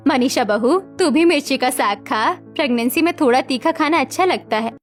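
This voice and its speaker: Woman doing a bossy middle-aged mother-in-law from a cartoon, scolding and ordering everyone around, kinda high voice. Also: animated, moderate pace, faint music behind. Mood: pleased. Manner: scolding, commanding. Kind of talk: cartoon story voice acting.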